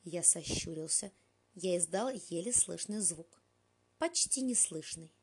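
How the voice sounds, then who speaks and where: A woman's voice: on the low side, lively intonation, a little slow, husky. A woman reading an audiobook aloud, telling the story in a dry, ironic first-person way. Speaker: audiobook reader. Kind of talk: audiobook narration.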